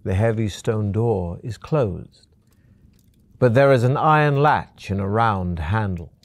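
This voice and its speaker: A man giving steady, measured second-person scripted narration for an adventure game. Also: on the low side, no room sound.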